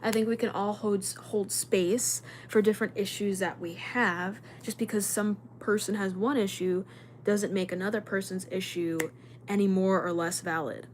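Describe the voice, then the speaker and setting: Young woman, livestream host, quick rambling chat, filler words, average pitch, faint background hiss. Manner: fast, rambling talk with many fillers. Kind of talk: casual livestream chat with viewers.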